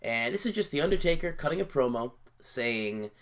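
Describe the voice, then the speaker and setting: A man casually talking through his wrestling booking game, halting with fillers and repeated words, a bit sleepy and yawning. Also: medium pitch, expressive, a bit bright. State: sleepy, yawning early in the day. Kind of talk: casual gameplay commentary.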